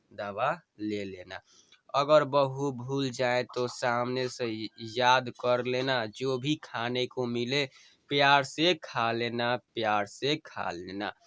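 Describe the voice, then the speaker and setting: Dying wife's gentle farewell read by a man, smooth clear tone, unhurried, each plea said twice. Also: mid-range voice, no echo. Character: dying wife pleading with her husband. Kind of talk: emotional story reading.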